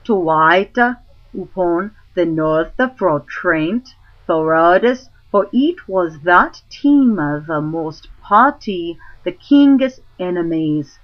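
A woman reciting old literature in Middle English pronunciation, deliberate and halting, phrase by phrase. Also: medium pitch, highs cut off.

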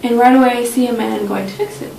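A young adult woman, a study abroad student, casually reminisces during an interview testimony indoors in a small office meeting room. She speaks quickly with fairly even intonation, her voice creaky and warm. The recording is roomy, from a distant mic, with a faint low rumble.

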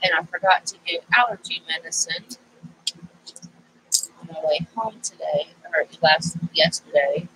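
Lady showing a craft, nasal and stuffed up from allergies, talks slow, bright tone. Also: low-pitched, slight background noise, low-quality recording. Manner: chatty, thinks aloud with fillers. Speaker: craft channel host. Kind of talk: casual craft tutorial.

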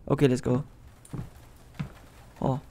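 A horror let's play commentator who talks straight to the viewers in a casual stream of youth slang and swearing. The voice sits at a middle pitch, with a faint noise underneath it. The speaker is jumpy and easily startled, and keeps coming back to chat with the audience. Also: little pitch movement, takes it slowly, warm tone. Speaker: gaming YouTuber.

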